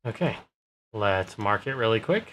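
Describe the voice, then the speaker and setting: A man with a lowish voice talks quietly to himself while he plays a survival game, half muttering his thoughts as he goes. He has the hiccups and speaks into a desk mic in a relaxed, casual way. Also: moderate pace. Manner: mumbled, thinking aloud to himself. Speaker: gaming channel host. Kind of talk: casual gameplay commentary.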